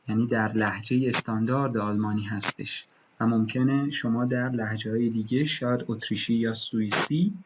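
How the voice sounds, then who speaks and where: A man teaching German pronunciation, patiently repeating each example word slowly. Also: mid-range voice, lo-fi sound, noisy background. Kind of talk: pronunciation lesson.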